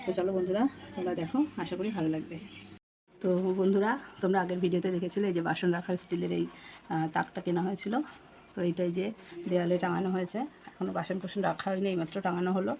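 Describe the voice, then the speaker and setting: Soft-spoken woman vlogging in a noisy kitchen. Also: flat delivery, fast, gravelly. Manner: keeps voice low and soft so her sleeping son is not woken. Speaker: home vlogger and mother. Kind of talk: casual chat to viewers while cooking. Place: home kitchen with a tin roof during rain. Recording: noisy home recording with rain on a tin roof.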